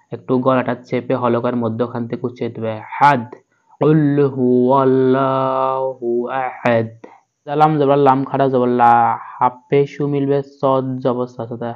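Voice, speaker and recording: A man, teaching Quran recitation one syllable at a time. He speaks slowly and evenly, with little rise or fall, and the recording is dull and lo-fi. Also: mid-range voice. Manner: slow, syllable by syllable, level delivery. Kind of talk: slow spelled-out recitation lesson.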